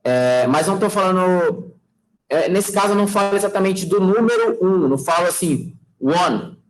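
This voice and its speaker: A man with a Brazilian Portuguese accent teaches English casually in a high-pitched voice at normal speed, and the recording quality is low. Relaxed and chatty, he constantly checks in with students by asking "tá?" and "fechou?" and drops folksy sayings along the way.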